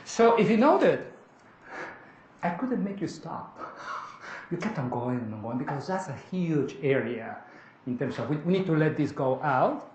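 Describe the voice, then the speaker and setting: A Peruvian man with a Peruvian Spanish accent leads an interactive writing seminar, animatedly asking the room questions and often tagging "correct?" His voice is fairly high and measured in pace, and the muffled recording has an echoey room and faint noise.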